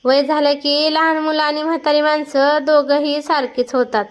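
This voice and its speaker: A woman reading a story aloud and voicing a gentle, anxious young man who speaks slower and softer. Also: sits high, level tone, muffled recording, natural voice.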